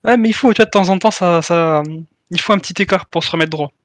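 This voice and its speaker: A man's voice: sits high, no room sound. A man playing in a quiz among friends who jokes and laughs often. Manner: jokey, quick, laughs often. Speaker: quiz contestant. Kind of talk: casual banter.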